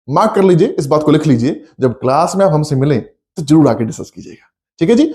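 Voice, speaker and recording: A middle-aged man teaching a math lesson, coaxing his students along and acting out their questions. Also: on the high side. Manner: lively, coaxing, addresses students as beta, acts out their questions. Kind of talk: coaching class lecture.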